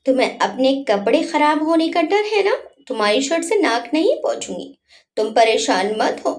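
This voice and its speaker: A woman's voice: sits high, sing-song, moderate pace. A woman voicing a young wife in a storybook reading, pleading and emotional. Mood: teasing. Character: young wife, playful, then hurt and tearful.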